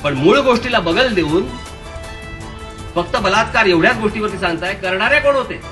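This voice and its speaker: A man's voice: high-pitched, lively intonation, brisk, bright, forceful tone, soft background music. Indignant man in a news clip. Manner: indignant, argumentative.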